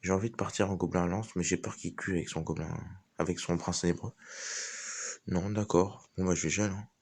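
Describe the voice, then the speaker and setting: A man's voice: deep voice, fairly even intonation, fairly quick, a little mellow, breathy edge. A man giving casual, informal live commentary on a game as he plays, thinking aloud. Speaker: gaming video host.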